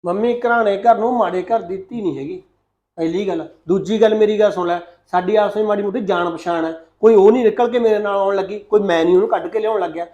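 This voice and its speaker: A man playing a fast-talking young police officer son. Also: sits high, darkish tone, close to an everyday voice. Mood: insistent. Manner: insistent, pleading, fast talk. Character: young male police officer son, arguing with his mother. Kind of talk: amateur village family drama acting.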